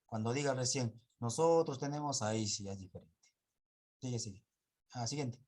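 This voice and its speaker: A man's voice: medium pitch, moderate pace. A male teacher giving a pronunciation class, patiently repeating sounds and checking that students follow. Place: online class in 2021.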